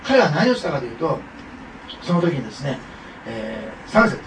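Speaking at a moderate pace, a pastor with a gravelly, fairly high voice swings widely in pitch as he delivers a chatty sermon. Fillers and asides come often. The church hall echoes, the mic is placed far away, and there's a little background noise.

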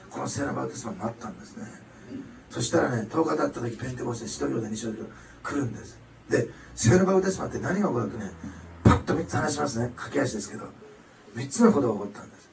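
Guy preaching quick with a gravelly voice, loud bits then soft, echoey church room a bit off mic. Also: on the high side, far from the mic. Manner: animated, rising to loud emphatic passages then dropping soft. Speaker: pastor. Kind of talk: sermon. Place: church hall. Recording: echoey hall, mic some way off.

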